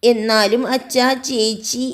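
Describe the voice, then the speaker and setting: A woman's voice: a little high, level tone, slow pace, voice pushed up. A woman voicing a stubborn, emotional teenage daughter who talks in a pleading, sulky way. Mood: tearful.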